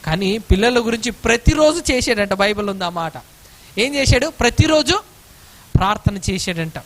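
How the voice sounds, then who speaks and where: A man's voice: high-pitched, animated, normal speed, fairly bright tone. A male preacher telling a story in a sermon, posing questions to his listeners and answering them himself.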